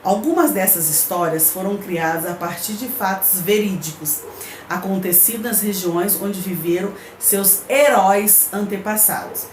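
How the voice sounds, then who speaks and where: A woman's voice: medium pitch, measured pace. A woman teacher with a Brazilian Portuguese accent, giving a recorded remote lesson. She reads the textbook aloud, explains it patiently and checks in with her pupils. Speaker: primary school teacher. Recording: echoey room with faint background noise.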